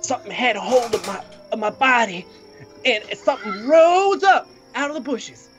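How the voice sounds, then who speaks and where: A player voicing an earnest, bumbling holy brother who speaks in a halting, dramatic, pious way in a tabletop game. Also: medium pitch, a bit bright, soft background music, lightly acted. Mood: awed, dramatic.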